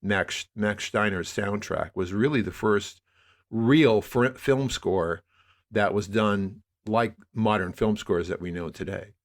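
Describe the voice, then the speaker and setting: An American media producer in his sixties from the New York area speaks as a guest in a conversational interview. His voice is lowish and slow, and he talks reflectively and discursively.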